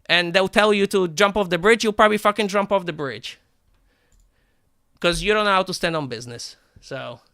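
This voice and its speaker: A man livestreaming a game and ranting to his chat, profane and combative, swinging between animated outbursts and flat calm, with a habit of asking "right?". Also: high-pitched, moderate pace, no echo, studio quality. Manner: repeats "right?" and restarts words. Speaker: live game streamer talking to chat. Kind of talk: unscripted stream rant.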